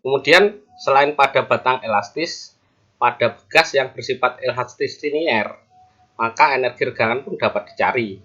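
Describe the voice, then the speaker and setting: A male university lecturer explaining engineering formulas step by step, with measured pauses as he reads each formula aloud. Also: mid-range voice, bright, forceful tone, dull audio. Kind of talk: recorded online lecture.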